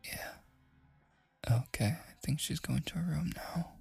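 Speaking at a fairly high pitch in full character voice, a man acts out a lovestruck, persistent young man for boyfriend ASMR. His delivery is soft and hesitant, drifting now and then into a coaxing, breathy whisper over soft background music, with a hushed, urgent mood.

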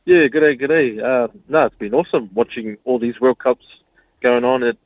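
A man's voice: mid-range voice, moderate pace, no echo. A man calling in to a radio show over the phone, chatting freely and calling the host mate. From New Zealand. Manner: chatty, says mate often. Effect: heard over the phone line. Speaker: radio caller. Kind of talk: casual call-in chat. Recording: tinny phone line on radio.

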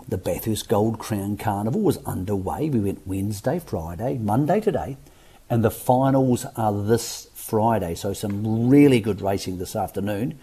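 An Australian man with a dark, slightly rough voice hosts sports radio. He is chatty and matey as he interviews racing guests in a casual style. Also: fairly low pitch.

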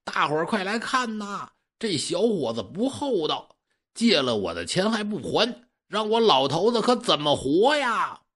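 A man voicing a worried, kind-hearted old farmer who stammers and exclaims in a husky voice. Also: mid-range voice, wildly swooping pitch, moderate pace, fairly bright tone, exaggerated voice. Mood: fretful. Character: old male farmer, anxious and good-hearted.

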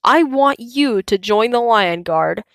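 A woman's voice: fairly high pitch, lively intonation, slow, no echo, clean studio sound, pitched above the performer's own voice. A woman voicing a brave young male lion cub in a storybook, with a raised, boyish voice. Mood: earnest.

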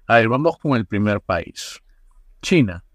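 A man hosting a casual podcast interview, asking quick questions in a relaxed way with many fillers. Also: fairly low pitch, no echo, studio quality. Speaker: podcast host.

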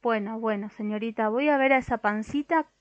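A jumpy, easily scared storybook fireman who answers everything in little rhymes, as a woman reads him in her own fairly high voice, with a lilt. The sound is dry and a bit muffled. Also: fairly quick, no room sound, natural voice. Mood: placating. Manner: rhyming, fussy and easily scared. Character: flustered, timid male firefighter who talks in rhymes.

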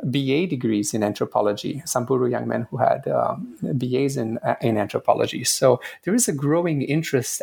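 A man from Romania talks about his research in a podcast interview, stopping often to search for words. His voice has a gravelly edge, and the tone is somewhat husky. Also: mid-range voice, a little mellow. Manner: hesitant, many fillers and restarts. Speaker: anthropology professor, guest author.

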